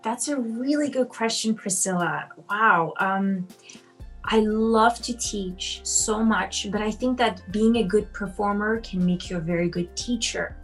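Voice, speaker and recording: A woman in her thirties, a pianist who grew up in Austria, answers interview questions in a chatty, encouraging tone. She talks at an even middle pitch, often pausing on ums and you-knows, with faint music in the background. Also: poor audio. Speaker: piano teacher and competition judge.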